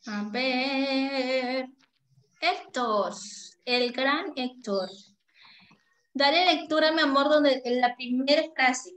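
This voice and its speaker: A woman's voice: high voice, fairly even intonation, slow, fairly bright tone, roomy sound. A woman teacher giving an online class, affectionate, often checking in with the pupils. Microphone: video call.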